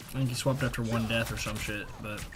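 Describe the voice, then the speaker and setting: Over game music and effects, a young gaming video creator gives casual, slangy play-by-play voice-over on his gameplay. His medium-pitched voice stays fairly even in intonation and moves a little fast, against a noisy background.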